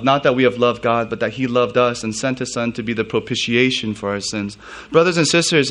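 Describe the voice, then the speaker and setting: A man, a pastor, giving a sermon in a relaxed, conversational style with asides and questions to the congregation. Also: mid-range voice. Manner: conversational preaching with asides and soft laughs.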